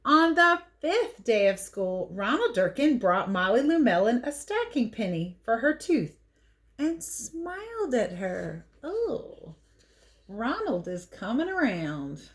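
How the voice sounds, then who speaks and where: Taking it slowly, a woman teacher with a fairly high, very animated voice reads a picture book aloud to children. She tells the story expressively, pausing for playful, chatty comments on the pictures in an animated storytelling style full of casual asides.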